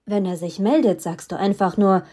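A woman's voice: mid-range voice, moderate pace, lightly acted. A woman reading a cold, mocking male villain. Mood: coolly threatening. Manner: calm, condescending threats. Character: menacing young man who controls minds, cold and mocking.

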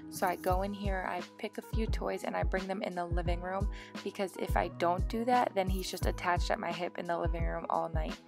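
A young adult American woman vlogger narrates her daily routine in a chatty, informal voice-over with background music. Her voice is lowish and steady, brisk, with vocal fry.

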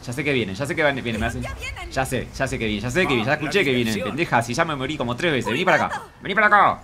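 With a crowd audible behind him, a gaming streamer speaks at medium pitch and a quick pace in Rioplatense Argentine Spanish. He narrates a let's play, chatting to himself and his viewers, repeating phrases, and describing himself with feminine forms.

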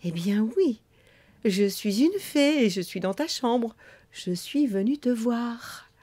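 A soft-voiced fairy lady trips over her words, hesitant and easily rattled, as a woman puts her on. The voice stays mellow and warm, slowing and faltering between halting phrases. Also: fairly high pitch, animated, pitched above the performer's own voice. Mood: gentle. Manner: hesitant, stammering. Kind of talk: storybook reading.

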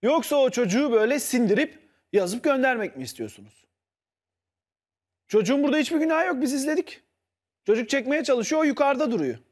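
A man with a high voice that jumps all over the place, arguing hard on a studio panel show. He keeps pressing his point and turns to the viewers to back him up. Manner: insistent, argumentative, appeals to the viewers. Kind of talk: heated TV panel debate.

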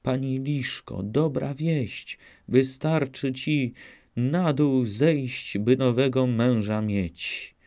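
A man's voice: mid-range voice, drawn-out words, darkish tone. A man voicing a young female cat, a chatty maidservant, speaking in sing-song rhyming replies in a storybook reading. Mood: eager.

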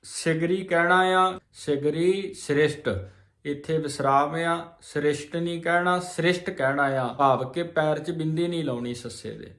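A man teaching scripture pronunciation, reciting each verse slowly and then spelling out its syllables. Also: fairly high pitch, fairly bright tone, echoey room. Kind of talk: slow pronunciation lesson on scripture.

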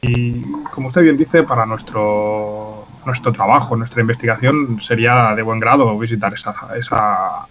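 A man voicing a courteous, discreet Italian scholar in a tabletop game, with a slight put-on Italian accent and polite, halting phrasing. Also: lowish voice, fairly bright tone, natural voice. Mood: courteous, persuasive. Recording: muffled voice-chat audio with noise.

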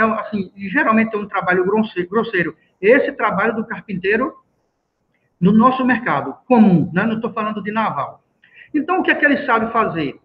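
High-voiced man with halting speech. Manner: hesitant, many fillers and restarts. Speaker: course presenter. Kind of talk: seminar presentation. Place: seminar room. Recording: tinny phone-like sound.

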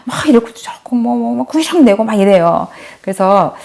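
A middle-aged woman giving a talk to mothers, telling a story from her teaching in a gentle, storytelling way. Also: fairly high pitch, lively intonation, normal speed, gravelly. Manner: gentle storytelling, acts out a child's and adults' voices in quotes. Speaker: lecturer for mothers. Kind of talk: spoken lecture with anecdotes.

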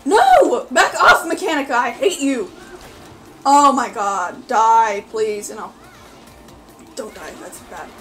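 Excitable high-voiced woman yelling at a game. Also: slow, long pauses, soft background music. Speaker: gameplay video host. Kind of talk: live gameplay reactions. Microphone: desk mic.

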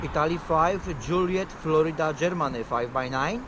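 A man's voice: a little high, moderate pace. A man operating amateur radio outdoors, reading call signs in the phonetic alphabet with clipped procedural phrasing. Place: outdoors on open moorland. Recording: loud wind noise outdoors.

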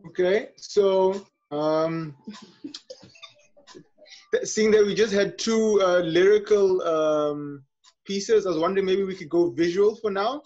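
In dull, lo-fi video call audio from a laptop webcam, a young man hosts an online open mic from an indoor room. His high-pitched, slightly mellow voice takes things slowly, and his casual talk is peppered with fillers and restarts.

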